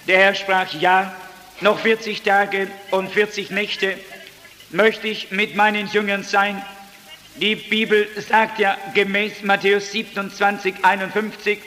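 Fervent preacher in an echoey hall. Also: male voice, sits high, sharp tone, a little hiss or hum. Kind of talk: sermon.

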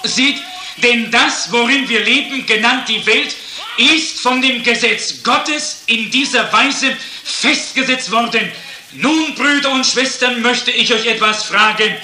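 A man preaches with a very high, bright voice. He speaks slowly and deliberately, often pausing on "seht". The sound is roomy, with a noticeable echo. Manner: slow, measured preaching with frequent "seht". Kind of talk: sermon.

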